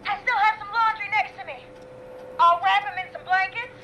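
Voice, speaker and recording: A woman's voice: very high voice, moderate pace, crowd noise. A woman playing a frightened young caller in a video game, pleading and apologetic as she tends to an injured man. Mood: flustered, anxious. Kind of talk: dramatic video game acting.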